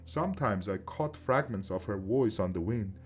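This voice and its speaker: A man reading a first-person horror story aloud in a steady, measured way. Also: fairly low pitch, husky.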